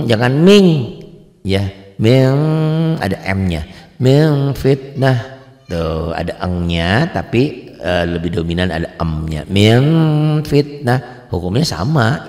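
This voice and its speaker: A man teaching the rules of Quran recitation in a casual lesson, asking and answering his own questions and stretching out example words in a slow chant. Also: low-pitched, big-room sound. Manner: drops into slow drawn-out chanting on example words, quizzes himself aloud.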